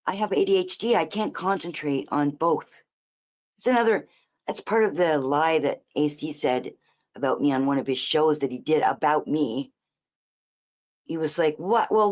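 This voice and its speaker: A woman's voice: deep voice, a little mellow. A woman streamer giving rambling, profane commentary, restarting her sentences often.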